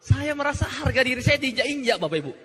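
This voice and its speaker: A young man with a high, bright voice tells a story on stage with a joking, self-mocking manner, his pitch leaping all over. His words ring out in a large echoey hall with a long reverb tail. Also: fast talker, breathy edge. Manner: animated, jokey, self-mocking. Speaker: speaker at a business recruitment seminar. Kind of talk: humorous storytelling talk to an audience.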